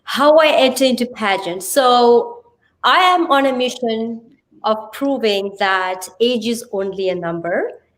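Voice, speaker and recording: On a rough recording, a woman with a slightly high voice speaks unhurriedly with a Sri Lankan accent. A TV presenter and radio host appearing as a podcast guest, she introduces herself and explains things conversationally, earnest and phrase by phrase.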